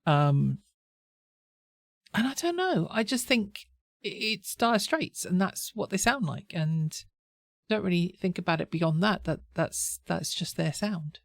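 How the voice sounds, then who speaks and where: This reaction-video host has a lowish, creaky voice that's animated yet unhurried, and she's congested with a cold and a sore throat. She keeps her commentary casual and chatty, wandering and self-correcting, in a clean, dry studio recording.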